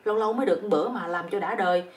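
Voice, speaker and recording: A woman with a Southern Vietnamese accent telling a comic story in a rapid, chatty, colloquial way. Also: mid-range voice, recorded from a distance.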